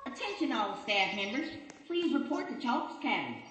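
A woman's voice comes over an intercom with a brisk, formal announcer's delivery. Her voice sits fairly high and swings lively in pitch. The loudspeaker sound rings out with long reverb through a large, echoing space. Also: over music. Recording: echoey loudspeaker in a reverberant hall with faint noise.

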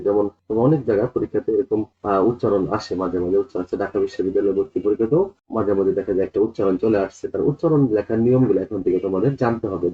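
Male tutor, brisk repetitive explainer, lowish voice, lo-fi sound. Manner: drawn-out repetitive explaining, addressing students directly. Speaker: teacher. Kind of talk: classroom lesson explaining spelling. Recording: tinny phone-like audio.

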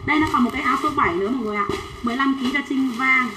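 A woman selling children's clothes on a livestream, chatting quickly and reading out sizes and buyers' names. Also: sits high, echoey room, background noise. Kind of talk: fast livestream sales pitch.

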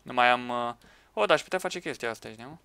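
A man commenting on a Minecraft match with friends, excitable, shouting at teammates and laughing. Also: medium pitch, vocal fry, clean tone, no echo. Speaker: gaming YouTuber.

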